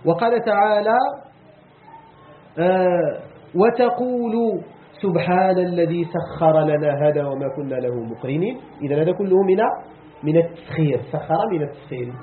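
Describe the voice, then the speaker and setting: A man's voice: fairly high pitch, moderate pace. A man with a Moroccan Arabic accent giving a classroom lesson, quoting verses and asking the class questions. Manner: explains, quotes verses, asks the class questions. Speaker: Quran teacher. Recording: tinny phone-like echoey room, faint noise.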